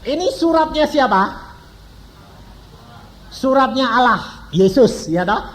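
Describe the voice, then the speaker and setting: A man's voice: extremely high pitch, lively intonation, takes it slowly, a bit bright, poor audio. A male evangelist preaching to a congregation, bluntly firing rhetorical questions at the listeners. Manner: blunt, peppers talk with rhetorical questions to the audience. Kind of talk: sermon to a congregation.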